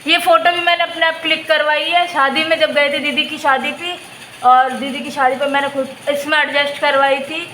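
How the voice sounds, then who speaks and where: A woman's voice: high voice, fairly even intonation, normal speed, bright, forceful tone, a little hiss or hum, low-quality recording. A young woman chatting casually to viewers in a home vlog, laughing often, and later sounding tired and unwell. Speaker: vlogger. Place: indoors and in yard of a home.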